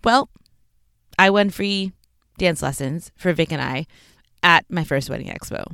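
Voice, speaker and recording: A woman's voice: low voice, a little slow, vocal fry, fairly bright tone, no echo, studio quality. A young woman from Texas hosting her podcast in a chatty, upbeat way from inside a clothes closet, with fillers and small laughs. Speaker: podcast host. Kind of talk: casual solo podcast chat.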